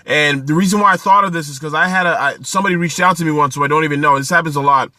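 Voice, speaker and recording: A Canadian man in his thirties, an accountant and author, hosts a casual live stream outdoors in the sun, greeting viewers by name and offering upbeat business advice. His voice is on the high side, bright and forceful, delivered rapid-fire with no room sound.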